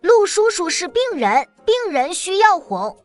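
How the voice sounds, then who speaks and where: A woman's voice: very high voice, sing-song, unhurried, faint music behind, heavily acted. A woman voicing a chirpy little boy. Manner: chatty, blunt, childlike. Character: small cheeky boy about to start kindergarten. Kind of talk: animated drama dialogue.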